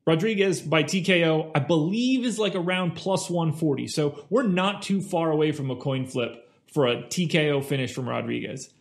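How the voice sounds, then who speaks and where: A man's voice: on the high side, normal speed, creaky, few pauses. A man hosting a fantasy sports picks show, talking through stats and rankings in a casual, conversational presenter style. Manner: casual, conversational, stat-heavy delivery.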